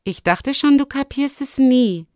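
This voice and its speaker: A woman voicing a sharp-tongued, smug young fox girl who speaks high and pointedly. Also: lively intonation, a little slow, no echo, clean studio sound. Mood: snippy.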